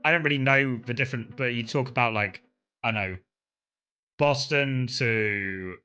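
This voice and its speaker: A man's voice: medium pitch, moderate pace, bright, forceful tone, clear, resonant tone, lo-fi sound. A man from Kent with a mild southern English accent, chatting casually and telling rambling anecdotes as a streamer talking to viewers. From Kent, south-east England. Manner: rambling, conversational.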